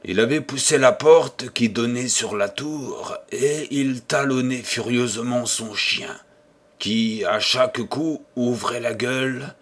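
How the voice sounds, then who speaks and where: Male audiobook reader, deliberate, slow delivery. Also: mid-range voice, fairly bright tone. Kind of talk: scripted narration.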